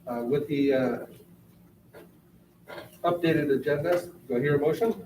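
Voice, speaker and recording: A man chairing a board meeting, running through procedure in a halting, informal way. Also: on the high side, mellow. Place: indoor board meeting room. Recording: echoey room, distant mic, faint noise.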